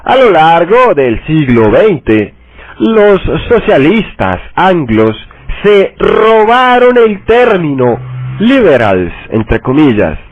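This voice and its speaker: A man reading a political text aloud, slowly and deliberately, saying every quotation mark out loud. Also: a little high, big pitch swings, dry recording. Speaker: reader. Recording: dry tinny phone-like sound.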